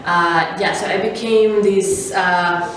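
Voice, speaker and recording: A woman from Venezuela, a startup founder, answering interview questions in a measured way with many fillers. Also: on the low side, fairly even intonation, fairly bright tone, heavy reverb, recorded from a distance, slight background noise, low-quality recording.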